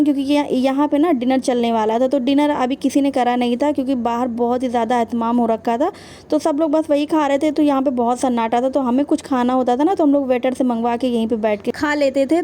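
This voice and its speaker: A woman's voice: high-pitched, mellow, a little hiss or hum. A young woman casually narrating her day for a vlog, chatting to viewers as friends. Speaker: vlogger.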